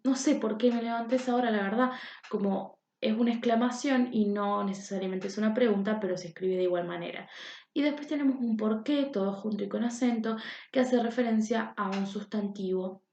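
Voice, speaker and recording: A woman's voice: medium pitch, normal speed, mellow. A young woman, a university student presenting a class lesson with many hesitations and fillers. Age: young adult. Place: room at home. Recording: echoey, dull lo-fi home recording.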